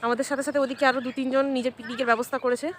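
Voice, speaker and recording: A woman's voice: sits high, level tone, racing, a little hiss or hum. A woman narrating her own vlog at a picnic, chatty and teasing, filmed on a handheld phone outdoors. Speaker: vlogger. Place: outdoors at a busy picnic ground.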